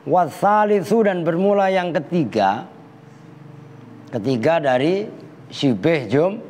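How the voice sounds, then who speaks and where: A fairly high, slightly mellow male voice belongs to a kyai with a Betawi Jakarta Malay accent. He runs a casual Arabic grammar lesson, full of slang, teasing and banter with students. It was recorded in a reverberant hall with faint background noise.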